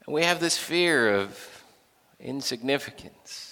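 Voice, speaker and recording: A man giving a sermon in a conversational way, moving between animated questions and quiet, hushed points. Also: mid-range voice, measured pace, long reverb tail. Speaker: preacher.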